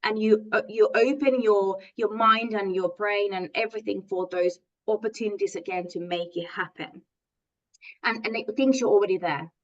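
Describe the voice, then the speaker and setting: A positive psychology coach, a middle-aged native Finnish speaker from Finland, gives an enthusiastic, earnest online masterclass peppered with fillers and restarts. Her medium-pitched voice stays steady at a moderate pace, though the recording's highs are cut off.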